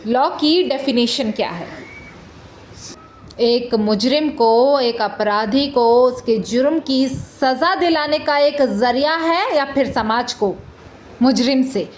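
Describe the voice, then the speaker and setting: In a theatrical courtroom monologue, a woman with an Indian accent plays a prosecuting lawyer full of passion and indignation. Her high-pitched, heavily acted delivery is challenging and rhetorical, built from deliberate phrases and dramatic pauses, with a slight hiss or hum in the background.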